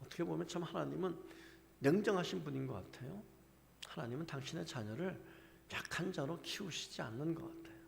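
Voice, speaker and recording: A man preaching from the pulpit in a slightly high voice, his words ringing with long reverb through a church sanctuary. He keeps turning to the congregation with rhetorical questions and drives his points home with growing force. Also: a little fast, gravelly. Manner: asks the congregation many rhetorical questions, building to forceful emphasis. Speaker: pastor. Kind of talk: sermon.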